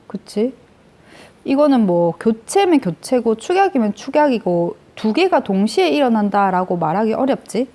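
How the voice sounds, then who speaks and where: A woman teacher talks through grammar rules one step at a time in a lecture. She often asks a question and answers it herself. Her voice sits a little high but sounds soft and mellow. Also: big pitch swings, moderate pace.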